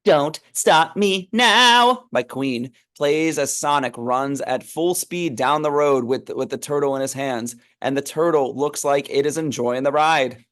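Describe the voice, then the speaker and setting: A man's voice: a little high, measured pace, few pauses, a bit bright. A man narrating a script read, reading stage directions aloud in an informal, amused way.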